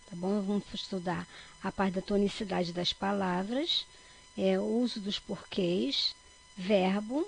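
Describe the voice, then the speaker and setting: A woman from Brazil, a teacher, giving a recorded grammar lesson for children. She checks in often with her listeners and stretches out key words loudly to stress their syllables. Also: mid-range voice, vocal fry, a little hiss or hum, rough recording. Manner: checks in with frequent "tá bom?".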